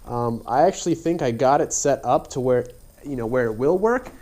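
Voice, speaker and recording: A man with a medium-pitched, dark voice that's congested and slightly nasal chats his way through a car build in a garage. He speaks at normal speed and sounds animated, though his casual how-to narration is laid-back, rambling and filler-heavy. The audio comes from a head-mounted action camera mic.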